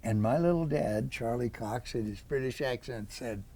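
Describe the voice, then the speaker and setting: A man's voice: mid-range voice, moderate pace, warm tone, breathy edge. A man in his eighties, an author, answering interview questions with rambling, folksy stories full of quoted dialogue. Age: 80s.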